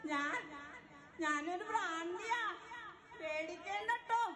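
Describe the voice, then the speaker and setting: Woman as a gentle homeless madwoman. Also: extremely high pitch, takes it slowly, echoey room, a crowd in the background. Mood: soothing. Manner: soothing, reassuring.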